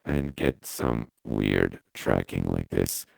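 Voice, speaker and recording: A man's voice: animated, slow pace, vocal fry, a little mellow, breathy edge, no echo. A man demonstrating a vocal effect, speaking test phrases through a robotic lo-fi speech-synth filter. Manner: repeats test phrases, pitch jumps wildly.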